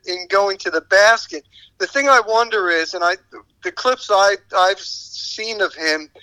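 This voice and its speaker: High, very bright-voiced man analyzing sports. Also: low-quality recording. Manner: halting, repeats words as he reasons. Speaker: sports podcast co-host and analyst.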